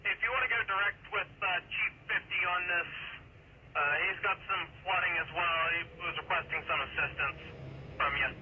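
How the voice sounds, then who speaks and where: A man's voice comes through a police radio, thin and narrow like a phone line, with a faint hiss of static behind it. He sits a little high in pitch and speaks in clipped unit codes with hesitant fillers. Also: moderate pace. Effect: police radio transmission. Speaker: police officer on patrol.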